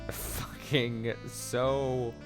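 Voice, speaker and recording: A man's voice: medium pitch, little pitch movement, drawn-out words, music in the background. A man giving casual, sweary game commentary as a streamer, often mocking himself.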